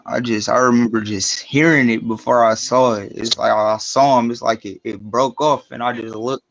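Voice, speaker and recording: A man speaking as a defendant, soft-spoken and hesitant, heard on a courtroom recording. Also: mid-range voice, steady tone, normal speed, vocal fry, dry recording, muffled recording.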